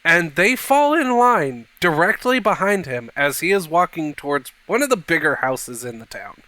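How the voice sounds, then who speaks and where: A man narrating a tabletop game as game master in a measured, descriptive way. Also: a little high, sing-song, sharp tone, no echo.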